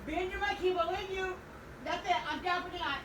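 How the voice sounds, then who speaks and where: A woman's voice: very high-pitched, fairly even intonation, fast talker, a crowd in the background. A middle-aged mother in a heated family argument at home, defensive and evasive, talking over the other speaker. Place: inside a home.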